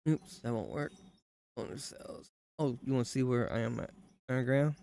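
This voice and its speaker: Gravelly rambling man streaming. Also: medium pitch, fairly quick, dark tone. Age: 30s. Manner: rambling, folksy, drifting mid-sentence. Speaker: live-stream gaming host. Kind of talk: rambling live-stream commentary.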